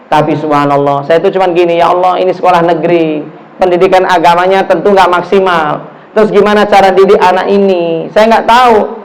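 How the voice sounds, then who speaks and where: A middle-aged man from Java with a Javanese accent, giving a lively sermon in a mosque, telling stories and acting out the people in them. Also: sits high, a little fast, rough recording. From Java, Indonesia. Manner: animated storytelling, acts out dialogue, mixes in Javanese phrases. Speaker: preacher.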